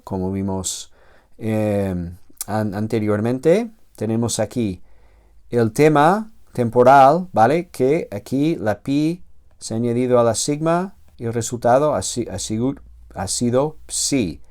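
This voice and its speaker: Slow, halting male teacher. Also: medium pitch, expressive, darkish tone. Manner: slow, halting, many self-corrections and filler sounds; drawn-out spelling of word forms. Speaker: theology teacher. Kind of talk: recorded grammar lecture.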